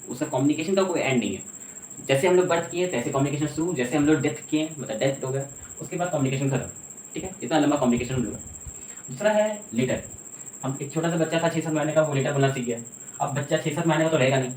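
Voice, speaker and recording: A man's voice: on the high side, darkish tone, slight background noise. A man teaching an English lesson in a lecture style, explaining step by step and often checking that his students follow. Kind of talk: classroom lecture. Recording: echoey room.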